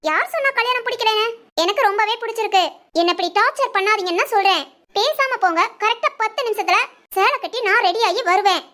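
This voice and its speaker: A woman voicing a playful, teasing young bride in an animated village family story, with a southern Tamil Nadu accent and a giggly, squealing way of talking. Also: extremely high pitch, fast, heavily acted. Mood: stubborn.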